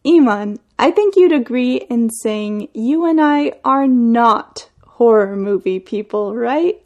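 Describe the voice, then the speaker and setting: A woman's voice: fairly high pitch, expressive, slow pace, darkish tone, highs cut off. Upbeat woman podcast host. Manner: upbeat, clearly read intro. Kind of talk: scripted podcast intro.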